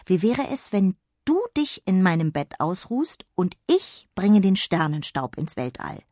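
A woman voicing an eager, excited young girl in a children's radio story. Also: lowish voice, unhurried, dry recording, studio quality.

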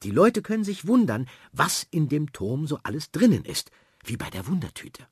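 Lively, husky male storyteller. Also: fairly high pitch, normal speed, dry recording, studio quality. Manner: lively and expressive. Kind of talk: children's story reading.

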